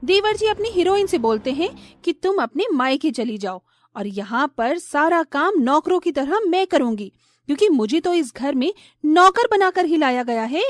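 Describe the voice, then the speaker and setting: A woman voicing a vain, haughty young daughter-in-law in a storybook tale, who talks in a shrill, sneering, bossy way. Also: very animated, normal speed, no echo. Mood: shrieking. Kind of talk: storybook voice acting.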